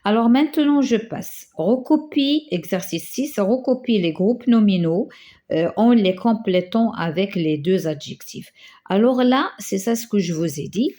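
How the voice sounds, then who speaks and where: Slow, soft-toned woman teaching grammar. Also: medium pitch, lively intonation. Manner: slow, stretches example phrases, frequent hesitations. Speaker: primary school teacher. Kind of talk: grammar lesson correcting exercises.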